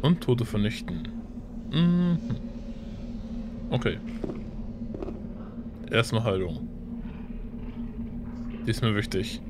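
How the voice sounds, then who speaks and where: A man's voice: lowish voice, big pitch swings, takes it slowly, long pauses. A man giving casual gameplay commentary as a let's player, muttering short remarks to himself. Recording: loud noise behind the voice.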